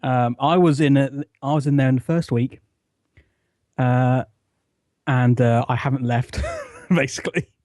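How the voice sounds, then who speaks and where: Laid-back man with a mellow voice. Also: mid-range voice, fairly even intonation, no echo, clean studio sound. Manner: laid-back, chuckling, halting with fillers. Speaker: podcast guest, radio show admin. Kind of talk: casual chat. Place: armchair at home.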